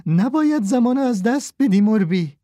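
Male narrator as a scheming fake uncle in an audiobook; high, animated, insistent. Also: dry recording, studio quality. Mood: urgent pushy. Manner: pushy, falsely friendly, urgent. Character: lying male swindler posing as a kind uncle.

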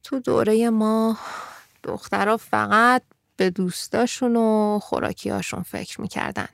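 A woman voicing a weary grown man who talks in a dry, mildly patronizing way, with a gravelly tone in a dry room. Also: medium pitch, no room sound. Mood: wry. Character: weary grown man, older than the girl.

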